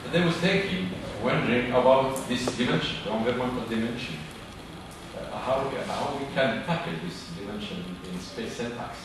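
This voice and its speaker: A man's voice: mid-range voice, normal speed, far from the mic. A middle-aged man seated in the audience of a large auditorium, asking a question from the floor, hesitant and searching for words with many restarts. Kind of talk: question from the floor at an academic workshop. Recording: echoey hall picked up from afar, with background noise.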